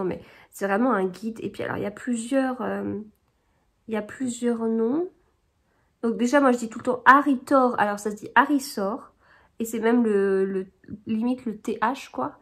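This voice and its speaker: A woman vlogging casually about a book, hesitating often with fillers and restarts as she reads passages aloud. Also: a little high. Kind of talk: casual chat.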